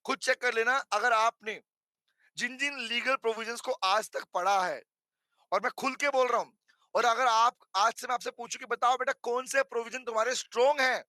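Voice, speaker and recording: High, bright-voiced Indian male teacher. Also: no echo. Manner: chatty, teasing, mixes Hindi and English. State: sore throat. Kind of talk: live online class lecture.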